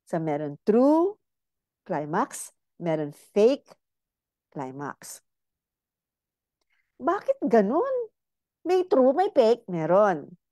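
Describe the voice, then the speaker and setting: A woman's voice: medium pitch, very animated, drawn-out words, long pauses, mellow, no room sound, studio quality. A middle-aged woman doctor giving a casual, playful health lecture, teasing her listeners and speaking to them directly.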